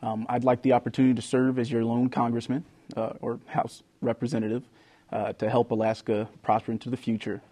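A man's voice: medium pitch, little pitch movement, a little fast, dark tone. A man giving an informal, hesitant statement as a candidate in a political debate. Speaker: congressional candidate.

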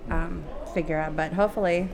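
Female manager, lowish pitch, casual interview talk, light ambient noise behind her. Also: fairly even intonation, fairly quick, a little mellow. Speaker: bingo hall manager. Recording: clear background noise of bingo hall.

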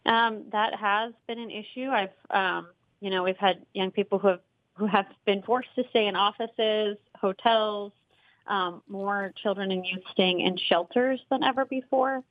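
A woman answering interview questions off the cuff as an expert guest, often pausing mid-phrase. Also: mid-range voice, steady tone, dry recording, muffled recording. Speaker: interview guest, child welfare training director.

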